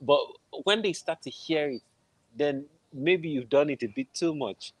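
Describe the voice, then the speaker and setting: A Nigerian man with a Nigerian accent answers interview questions conversationally as a film composer guest on a video call from a room at home. His voice is a little high and his pace measured, picked up through wired earphones with no echo but poor audio quality.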